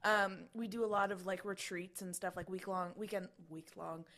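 A woman's voice: mid-range voice, fairly even intonation, normal speed, a bit bright. A woman in her twenties co-hosting a podcast, chatting casually with many fillers and restarts. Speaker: podcast co-host. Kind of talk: casual chat.

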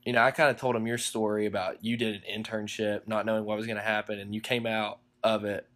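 A young man, a college student, hosting a casual interview in a relaxed, modest way with frequent fillers. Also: on the low side, quick pace. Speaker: host, college student entrepreneur.

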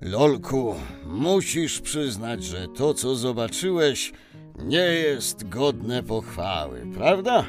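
A slow, animated, jolly Santa. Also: male voice, mid-range voice, faint music behind. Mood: gently instructive. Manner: theatrical, patient, reassuring, chuckling. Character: jolly, wise, kindly old male Santa Claus. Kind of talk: children's audio story acting.

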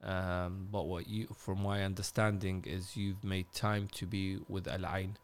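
A man from Iraq hosting a conversational interview, speaking in halting phrases with restarts and asking probing questions. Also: deep voice, little pitch movement, slight background noise.

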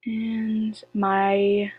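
A woman's voice: mid-range voice, flat delivery, very slow, husky, no echo, phone-quality sound. A young woman co-hosting a casual podcast, playful and teasing with slangy banter. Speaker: podcast co-host. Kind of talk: casual chat game with a friend.

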